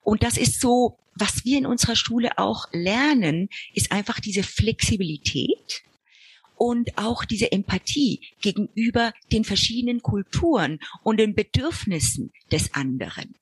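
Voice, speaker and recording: A husky-voiced middle-aged woman from Argentina, working in early childhood education. She speaks earnestly in a dry, close sound, laying out her points with lists and examples, at a medium pitch. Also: expressive, measured pace, no echo. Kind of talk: interview answers.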